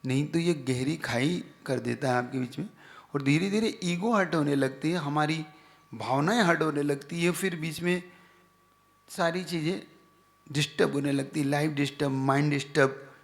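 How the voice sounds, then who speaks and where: A monk gives a conversational sermon in a large hall, putting questions to his audience. His voice is on the high side with vocal fry, at normal speed, and the hall adds reverberation.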